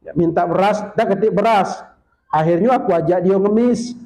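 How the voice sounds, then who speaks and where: A man's voice: sits high, normal speed, dark tone, close to an everyday voice. A man playing a poor, cheeky male beggar, in a pleading, storytelling manner. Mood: complaining.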